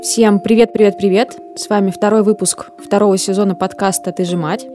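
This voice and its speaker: A woman's voice: mid-range voice, fairly even intonation, brisk, warm tone, faint music behind. A woman in her thirties, a podcast host telling stories in casual chat. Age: 30s. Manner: reflective, storytelling.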